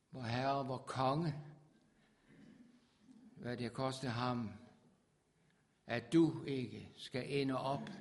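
A man preaching a sermon with fervor, his voice swelling loud on scripture. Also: medium pitch.

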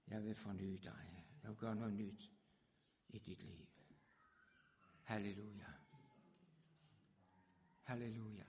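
A middle-aged man from Denmark preaching a charismatic sermon, swinging from hushed tones up to fervent shouts. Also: on the low side.

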